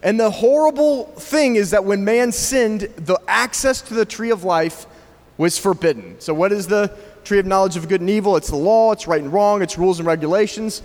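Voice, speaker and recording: Guy giving a sermon, kinda high voice, long echo off the hall, chatty and keeps asking the crowd stuff. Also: moderate pace. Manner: conversational, asks the congregation questions. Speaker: preacher. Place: church gathering, in the southern US. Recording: long reverb of a large room.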